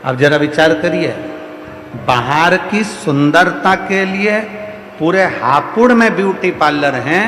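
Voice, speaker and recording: A man's voice: on the high side, lively intonation, takes it slowly, fairly bright tone. Man preaching, rhythmic repeated refrains. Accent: Hindi, central Indian. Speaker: kathavachak preacher. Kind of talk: devotional sermon to a large crowd. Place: large outdoor or hall religious gathering. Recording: echoey hall, long reverb, faint music.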